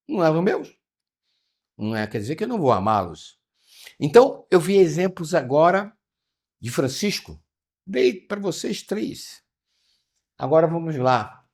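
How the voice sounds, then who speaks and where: A man teaching a spiritual study class. He speaks animatedly, firing rhetorical questions and calling on listeners by name. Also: on the high side. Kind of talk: interactive spiritual lesson.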